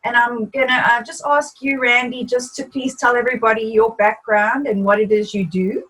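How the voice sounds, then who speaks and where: A woman hosting a conversational interview, speaking in a halting way with frequent pauses and fillers. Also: fairly high pitch, fairly even intonation, fairly bright tone, low-quality recording. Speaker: host. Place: video call.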